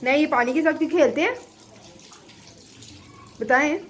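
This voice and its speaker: This thirties-aged mother and vlogger speaks at a normal pace in a high voice, with a touch of hiss or hum behind her. Her Pakistani Urdu accent comes through as she chats away in a home vlog, alternately scolding and coaxing her kids, both at home and at a restaurant.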